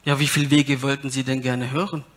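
A man's voice: medium pitch, flat delivery, a little fast, fairly bright tone. A man preaching a sermon, asking his listeners rhetorical questions and reading scripture aloud with emphasis.

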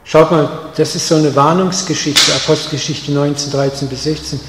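A man preaching a sermon, speaking straight to his listeners with rhetorical questions, dropping soft and then pushing lines out with stress. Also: a little high, fairly even intonation, normal speed, very noisy. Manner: emphatic, direct address with rhetorical questions; swings between soft intimate lines and loud stressed ones. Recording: echoey hall with long reverb.

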